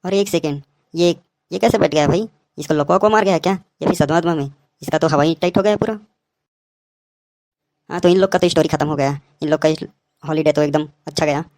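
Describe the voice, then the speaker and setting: Fast mocking comic commentator man. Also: a little high, darkish tone, no echo. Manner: mocking, roasting. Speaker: channel host and commentator.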